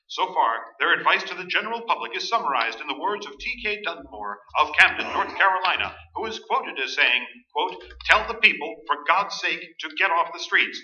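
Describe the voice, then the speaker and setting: A man playing a stern, urgent radio newsreader reads formal, emphatic bulletins in a staged radio drama, using a full character voice that is on the high side and sharp. The dull, echoey recording was made live during a stage performance in an echoey room.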